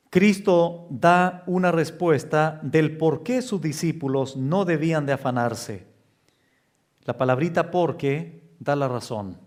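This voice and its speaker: Slow, emphatic preaching man. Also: darkish tone. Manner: slow, emphatic preaching with sudden pitch rises. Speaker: pastor. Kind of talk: expository sermon.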